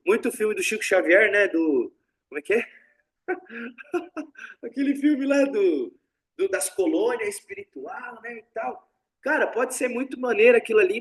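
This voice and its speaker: A man with a fairly high voice gives a spiritual talk on tantra. He speaks bluntly and casually, with slang and swearing, and keeps acting out the voices of the people he quotes. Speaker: tantra teacher.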